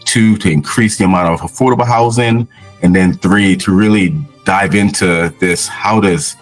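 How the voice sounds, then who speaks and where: A man from Jamaica, a physician guest on a podcast, telling his story earnestly with many pauses and fillers. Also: deep voice, fairly even intonation, faint music behind. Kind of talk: casual interview.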